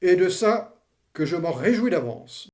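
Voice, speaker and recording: High-pitched, blustering old veteran, played by a man. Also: very animated, measured pace, darkish tone. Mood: wary, teasing. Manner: colloquial, blustering, twisted slangy grammar. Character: Achille, grumbling, mocking old war veteran. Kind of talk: theatrical comedy acting.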